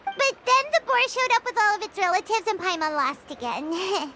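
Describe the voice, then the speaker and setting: A squeaky, chirpy little fairy girl. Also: expressive, moderate pace, crowd noise. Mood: storytelling. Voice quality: very high, childlike voice. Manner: talks about herself in the third person. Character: tiny floating fairy-like girl companion, chirpy and greedy. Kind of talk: video game voice acting. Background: game music.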